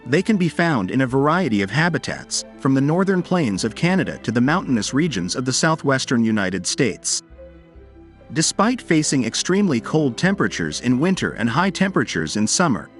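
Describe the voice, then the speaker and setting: A man narrates in the style of a nature documentary. His mid-pitched voice moves with plenty of melodic variation while keeping a formal, explanatory delivery. Music plays faintly behind him. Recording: background music under voice.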